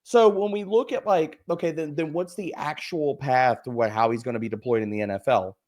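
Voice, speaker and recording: A man with a somewhat high voice talks fantasy football on a podcast. He is emphatic and profane, and he piles up rhetorical questions as he rants in relaxed, casual chat. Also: brisk.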